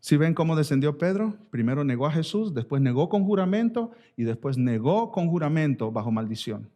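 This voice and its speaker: A male pastor preaching a sermon, swinging from emphatic high lines down to hushed, slow ones and calling his listeners brothers. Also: sing-song. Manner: rises to emphatic highs, then drops to hushed, slow lines; addresses listeners as brother and sisters.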